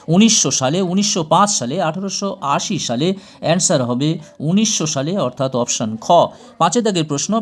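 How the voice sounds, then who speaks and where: Man, teacher, exam prep lesson, slightly high pitch, reads options as a list, then the answer. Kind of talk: exam prep lesson reading quiz questions.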